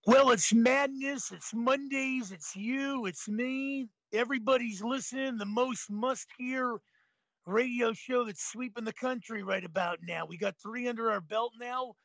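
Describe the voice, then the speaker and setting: A man in his late fifties with a high, gravelly and husky voice, co-hosting a sports talk show in a laid-back, easygoing way. The sound is dry and a little dull, like lo-fi audio. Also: measured pace, a bit bright, dry recording. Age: 50s. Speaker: co-host.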